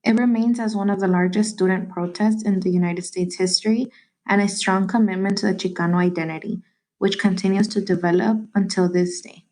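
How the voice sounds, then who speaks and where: A woman's voice: medium pitch, steady tone, fairly quick, dark tone, poor audio. A young woman reading a prepared class presentation steadily and carefully. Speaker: student presenter.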